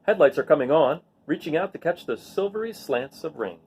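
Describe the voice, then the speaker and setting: Here a man with a fairly high voice reads to children a little quickly, with slight background noise behind him. His reading is animated, the sound words get extra flair, and he chats plainly with his young listeners in between.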